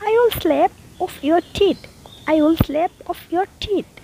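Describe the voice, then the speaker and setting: High-voiced woman teaching English slowly. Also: creaky, dark tone, a little hiss or hum. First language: Bengali. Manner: reads each English sentence twice, slowly and deliberately. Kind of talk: slow, repeated phrase-by-phrase teaching.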